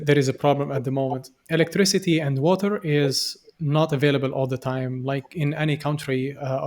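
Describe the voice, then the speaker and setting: A young man from Syria, a podcast guest, speaking earnestly and reflectively with frequent fillers and restarts. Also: fairly high pitch. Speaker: podcast guest, software developer. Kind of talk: conversational interview.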